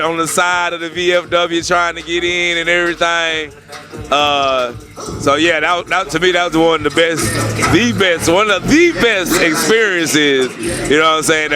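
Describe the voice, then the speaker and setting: A relaxed man talks in an easy, drawn-out way, stacking fillers as he recalls old times. His voice sits a little above the usual male range. Loud club music plays behind him. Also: on the high side. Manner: laid-back, drawn-out, many fillers. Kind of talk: casual interview chat. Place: strip club, music playing.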